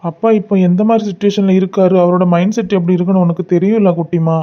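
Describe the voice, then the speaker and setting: A performer with a Kanyakumari Tamil accent voicing a gentle young man in a cartoon, speaking softly in a coaxing, pleading way. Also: mid-range voice, steady tone, fast talker, dull audio, lightly acted. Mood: soothing. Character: gentle young man, apologetic husband and caring brother. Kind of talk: cartoon voice acting.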